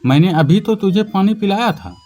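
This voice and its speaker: A man voicing an irritated young son who snaps and shouts at his mother in a narrated story. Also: high-pitched, animated, moderate pace, pitched above the performer's own voice. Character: angry impatient young adult son.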